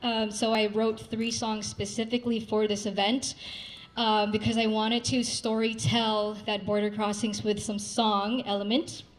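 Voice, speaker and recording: A young woman from Saudi Arabia, speaking casually at a live event to introduce a song, relaxed, with fillers and restarts. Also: medium pitch, unhurried, low-quality recording. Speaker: singer-songwriter introducing a song. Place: dim rooftop event room with city windows. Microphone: handheld mic, filmed by a far camera.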